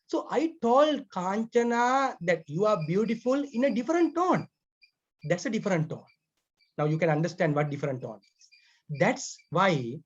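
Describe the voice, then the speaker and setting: Sri Lankan male English teacher, native Sinhala, accented; repetitive, throat-clearing lecture; muffled lo-fi sound. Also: high voice, darkish tone. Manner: repeats key phrases, clears throat often. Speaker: IELTS writing teacher. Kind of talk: explanatory lecture. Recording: dull lo-fi recording.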